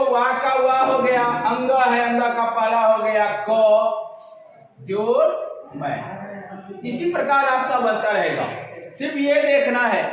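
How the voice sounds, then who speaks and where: A man teaching a Hindi grammar lesson at a board, slowly, asking the class questions and answering them himself. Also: extremely high pitch, fairly bright tone. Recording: very echoey room with clear background noise.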